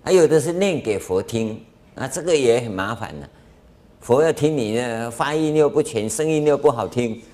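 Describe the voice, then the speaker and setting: A man's voice: medium pitch, normal speed. A man with a Taiwanese Mandarin accent giving a Buddhist dharma lecture as a master, telling anecdotes and acting out dialogue with chuckles. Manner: animated storytelling, acts out dialogue, chuckles. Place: lecture hall.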